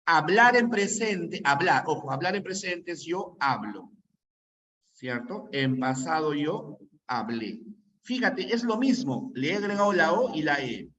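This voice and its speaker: A man's voice: fairly high pitch, expressive, measured pace, bright, forceful tone. A man teaching a grammar lesson, repeating key points and often checking that listeners follow. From Peru.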